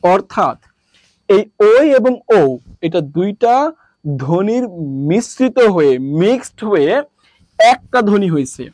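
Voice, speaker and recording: Male tutor from Bangladesh, high pitch, dry close sound, repeats questions and answers them himself. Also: lively intonation, a little slow, pauses often, a little mellow, no room sound. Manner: repetitive, drilling. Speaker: teacher. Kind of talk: classroom lesson.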